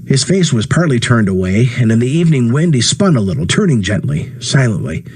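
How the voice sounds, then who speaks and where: Male narrator, husky voice, lively pitch swings, story reading. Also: fairly quick. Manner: acts dialogue with rising pitch. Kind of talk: audiobook reading.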